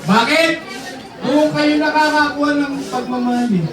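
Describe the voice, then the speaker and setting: A high-voiced man preaches to a congregation, joking with them and shouting at the peaks. He sounds far off in a roomy, echoing hall. The crowd is heard around him. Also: moderate pace. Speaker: bishop preaching. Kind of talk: sermon.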